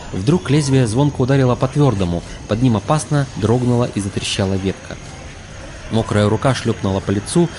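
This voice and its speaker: A man reading a fantasy audiobook aloud in steady scripted narration. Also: mid-range voice, background noise.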